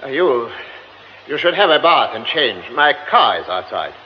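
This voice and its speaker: An actor playing a formal, courteous gentleman who speaks haltingly, in a radio drama. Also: mid-range voice, sing-song. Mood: insistent. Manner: formal, halting, hesitant speech. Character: formal, insistent gentleman, courteous and guilt-ridden. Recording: dull lo-fi radio recording, faint hiss.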